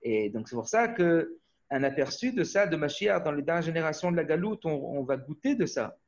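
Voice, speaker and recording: Fairly high-pitched and very animated, this man talks a little fast while giving an informal Torah class over video. Born in Australia, he rambles with many restarts and checks in with listeners by asking "hmm?"; the audio is muffled.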